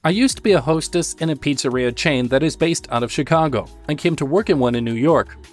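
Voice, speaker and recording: A man reading online stories aloud as a scripted narration, in a steady, even storytelling manner. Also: fairly high pitch, brisk, faint music behind.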